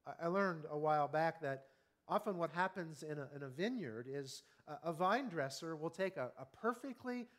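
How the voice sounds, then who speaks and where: A pastor in his fifties delivers an evening sermon in an animated voice on the high side. He is earnest and conversational, often putting questions to the congregation and slowing down on key words.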